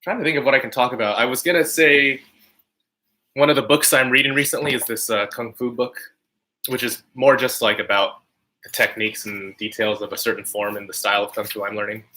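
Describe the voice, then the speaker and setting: A man chatting casually on a livestream as host, halting and slightly nasal with congestion from a lingering cold. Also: mid-range voice, fairly even intonation, bright, forceful tone. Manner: frequent throat clearing, halting. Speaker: channel host livestreaming to viewers. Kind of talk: casual livestream chat, answering comments.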